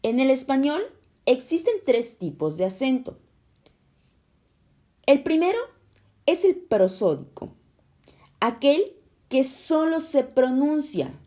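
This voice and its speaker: A woman reading a scripted lesson for schoolchildren, explaining slowly and clearly. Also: high-pitched, very animated, a little mellow. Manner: slow, clear, explaining to children. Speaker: teacher.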